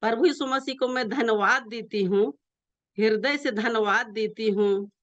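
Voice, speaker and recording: An older woman, a non-native Hindi speaker, gives a church testimony at a very unhurried pace in a somewhat high voice. She speaks earnestly and haltingly, repeating phrases. The recording is dull and lo-fi with little room sound. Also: fairly bright tone, dry recording. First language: not Hindi. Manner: halting, repetitive, earnest storytelling. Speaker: church member giving testimony.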